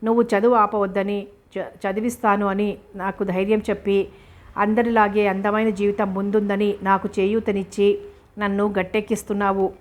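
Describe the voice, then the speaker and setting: A woman's voice: medium pitch, level tone, moderate pace, close to an everyday voice. A woman voicing a grateful, affectionate young male medical student in a storybook reading, speaking earnestly and tenderly.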